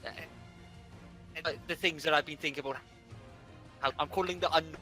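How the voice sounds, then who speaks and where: A man playing a tabletop role-playing game online, talking haltingly with lots of fillers while his choppy connection keeps cutting out his words. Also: a little high, steady tone, sharp tone, soft background music. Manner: hesitant, halting, full of fillers. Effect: choppy audio, words cutting out from a failing internet connection. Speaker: player. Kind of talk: casual online tabletop roleplay. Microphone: online voice call.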